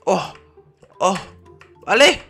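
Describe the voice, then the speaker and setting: A man's voice: high voice, sing-song, drawn-out words, vocal fry, pushed and bright, soft background music. A man, chatting and laughing playfully during co-op gameplay as a gaming YouTuber. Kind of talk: casual co-op gameplay chat.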